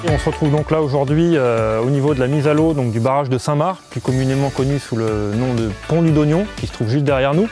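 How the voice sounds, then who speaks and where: A man's voice: medium pitch, fast talker, few pauses. A man giving an informal explanatory presentation to camera as a fishing representative. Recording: music bed behind the voice.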